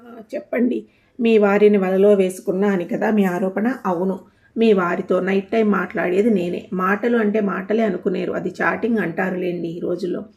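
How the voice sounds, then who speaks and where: A woman voicing a poised young married woman who answers calmly, politely and with teasing wit. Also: mid-range voice, normal speed, close to an everyday voice. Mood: calm, sarcastic.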